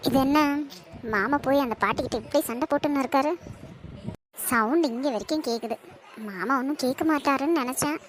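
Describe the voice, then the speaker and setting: A woman's voice: sits high, fairly quick, pauses often, slight background noise, lightly acted. A woman voicing a cheeky young niece who talks in an offhand, teasing way, with a Kanyakumari Tamil accent.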